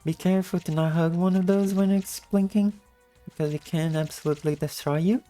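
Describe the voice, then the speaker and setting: A woman with a low-energy, just-woke-up morning voice giving a casual gameplay tutorial in commentary style. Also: steady tone, fairly quick, mellow, faint music behind. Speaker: video game guide narrator.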